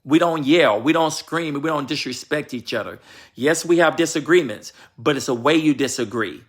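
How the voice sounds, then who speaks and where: With a slightly high voice and a moderate pace, a man dispenses marriage advice on his vlog. His delivery is emphatic, repetitive, and preachy yet casual; he speaks straight to viewers and checks with his wife for agreement.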